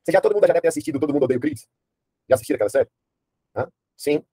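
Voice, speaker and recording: A man teaching a history class online in a fast, casual way, often asking his students questions and using slang. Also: on the high side, animated, warm tone, husky, no echo.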